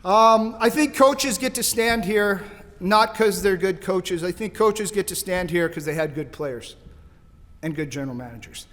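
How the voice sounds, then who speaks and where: A man's voice: sits high, animated, normal speed, a bit bright. A man from St. Louis giving a thankful, storytelling hall of fame acceptance speech at a podium microphone in a banquet hall. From St. Louis, USA. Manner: storytelling, thankful, loose and joking. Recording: hall reverb.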